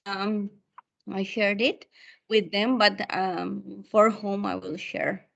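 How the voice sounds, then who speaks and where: A woman's voice: mid-range voice, flat delivery, takes it slowly, gravelly, lo-fi sound. A woman homeroom teacher talking with parents in an online meeting, polite and reassuring. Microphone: video call.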